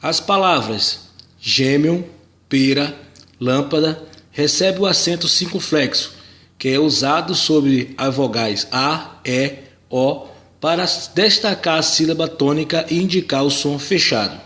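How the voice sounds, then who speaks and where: A man's voice: a little high, unhurried, sharp tone. A man narrating a scripted grammar lesson, carefully spelling out words and syllables. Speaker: teacher.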